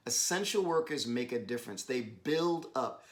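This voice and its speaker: A man giving a devotional talk with his wife, exhorting and emphatic, rising to bursts of excitement, speaking over a video call. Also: medium pitch, moderate pace. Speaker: husband co-hosting a devotional. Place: home, joining an online meeting.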